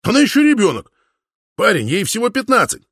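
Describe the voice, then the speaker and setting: A man's voice: on the high side, very animated, normal speed, dry recording, studio quality. A man doing a blustering old Boer father. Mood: outraged. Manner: shouting, blustering. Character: gruff old Boer father, loud, protective.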